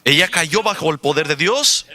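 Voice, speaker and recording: A man interpreting a sermon, telling a healing story in an animated way with light laughs. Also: a little high, moderate pace. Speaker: interpreter of a preacher. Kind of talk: sermon testimony.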